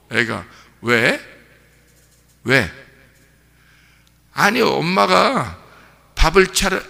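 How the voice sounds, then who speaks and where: A man's voice: fairly high pitch, creaky, bright, forceful tone, in a large hall. A male pastor giving an early-morning sermon in a folksy, conversational way, acting out a mother and child in short quoted voices. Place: church sanctuary.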